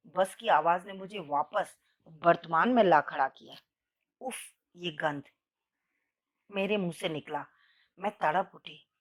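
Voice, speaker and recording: A woman storyteller narrating a first-person romantic story in an expressive, emotional reading. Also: medium pitch.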